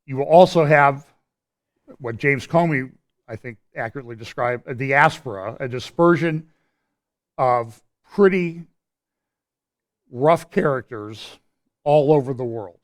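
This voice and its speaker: A man presenting a church prophecy update in a conversational commentary style, pausing and restarting as he walks through a map and his views. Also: mid-range voice. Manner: explains while pointing at a map on screen.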